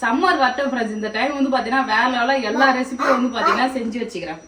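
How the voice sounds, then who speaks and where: Fast, fairly high-voiced woman, cooking vlogger talking viewers through lunch in a roomy kitchen. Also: fairly bright tone, slight background noise. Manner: chatty, addresses viewers as friends. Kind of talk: casual cooking walkthrough. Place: home kitchen.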